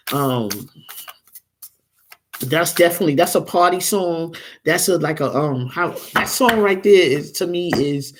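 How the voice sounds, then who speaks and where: A woman's voice: low voice, slight background noise. Woman, 40s, tarot reader, casual rambling livestream host, addresses viewers directly.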